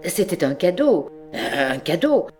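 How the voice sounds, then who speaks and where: A woman reading a classic story aloud as an audiobook, in measured narration. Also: on the low side, sing-song, darkish tone, faint music behind. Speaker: audiobook reader.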